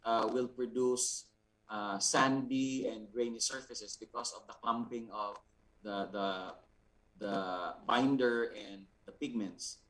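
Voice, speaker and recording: Speaking as an art instructor, a Filipino-accented man at medium pitch walks through a lesson carefully, repeating himself and adding quick check-in tags. He sounds far from the microphone.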